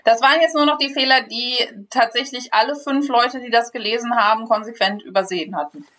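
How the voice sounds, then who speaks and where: A woman's voice: on the high side, brisk, a bit bright. A woman author in casual podcast chat, talking loosely with many restarts and laughs, swearing casually.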